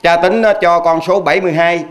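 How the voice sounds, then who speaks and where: A ghost father with a Southern Vietnamese accent scolds his son slowly and with hurt in every line, as a man puts him on. His voice sits higher than an ordinary man's. He drags his words out with aggrieved weight. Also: fairly even intonation, natural voice.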